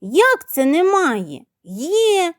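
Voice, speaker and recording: A cheeky little boy chick voiced by a woman pipes up high and eager. His voice bounces all over the place, and the sound is dry and close. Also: huge pitch swings, drawn-out words, no room sound, exaggerated voice. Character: cheeky young boy chick hatching from an egg.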